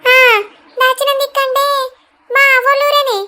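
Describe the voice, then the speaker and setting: A woman's voice: extremely high pitch, flat delivery, normal speed, sharp tone. A woman voicing a worried village grandmother in a cartoon, with a Telangana Telugu accent, pleading anxiously for news of her grandson.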